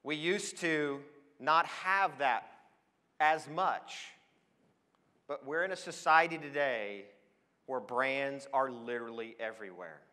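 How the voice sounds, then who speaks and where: His voice is mid-range, slow, and pushed and bright. This American man in his forties, who came from Switzerland and then Oregon, works in advertising and is on stage in a large hall as a conference speaker. The motivational business presentation is emphatic and enthusiastic, full of questions aimed at the audience, and the recording has a long large-hall echo.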